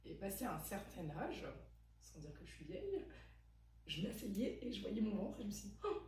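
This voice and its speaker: A woman's voice: medium pitch, very animated, normal speed, darkish tone. A woman in her twenties hosting a podcast, talking in a chatty, emphatic way and asking probing questions. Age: 20s. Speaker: podcast host. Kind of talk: casual conversation. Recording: echoey room, distant mic, faint hum.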